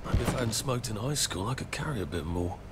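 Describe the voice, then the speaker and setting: A man's voice: fairly low pitch, expressive, quick pace, noisy background, natural voice. A man playing a grumbling, sardonic British video game hero who mutters wryly to himself. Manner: wry, exasperated, muttering.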